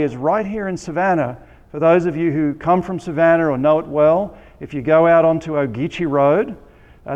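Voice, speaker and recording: A man with an Australian accent giving a conference presentation, relaxed and joking, with many ums and restarts. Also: fairly high pitch, creaky, in a large hall. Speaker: conference speaker. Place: conference hall.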